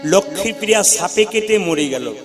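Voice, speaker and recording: High-voiced man preaching over music. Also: moderate pace. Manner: animated, speaks straight to the audience and demands replies. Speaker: devotional preacher. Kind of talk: devotional sermon with sung chants. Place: outdoor gathering by water. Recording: clear music playing under the voice.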